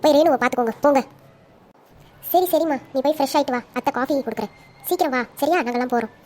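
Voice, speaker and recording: A woman telling an audio story, acting out lively dialogue among several characters. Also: high-pitched, very fast. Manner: animated, switching between characters. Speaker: storyteller voicing all roles.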